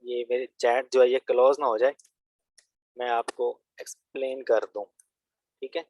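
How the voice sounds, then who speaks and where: A man's voice: medium pitch, level tone, unhurried, a little mellow, no room sound, poor audio. Chatty man, dry close voice. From Pakistan. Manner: chatty, repeats "theek hai" as a filler. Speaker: online business course instructor. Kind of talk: casual screen-recorded tutorial.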